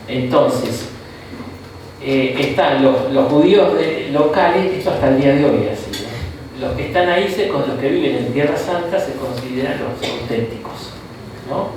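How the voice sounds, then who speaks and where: A bishop with an Argentine Spanish accent teaches a Bible course in a relaxed, conversational lecture style, often tagging lines with "¿no?" and "¿tá?" to check in with the room and adding short asides. His mid-range voice moves at normal speed, picked up by a distant mic in an echoey room with slight background noise.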